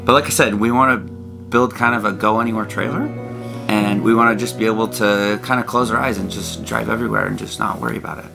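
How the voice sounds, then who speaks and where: A man in his thirties explains things casually to camera inside a small trailer. His voice sits low with a gravelly creak. Soft guitar music plays behind him. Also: fairly even intonation, a little fast. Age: 30s. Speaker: RV vlog co-host.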